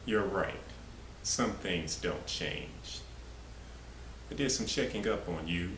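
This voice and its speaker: Echoey low-voiced cocky male rival, acted by a man. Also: takes it slowly, fairly bright tone. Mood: cold contempt. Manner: confrontational, scornful. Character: cocky, taunting young male romantic rival. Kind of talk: dramatic audition monologue. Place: small bare indoor room. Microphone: camera mic a few feet away. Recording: echoey, noisy room, distant camera mic.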